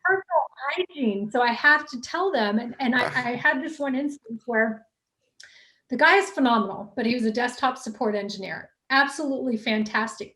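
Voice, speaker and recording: A woman recruiter, a guest on a video-call interview, telling animated stories and laughing often. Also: fairly high pitch. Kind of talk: casual storytelling in an interview.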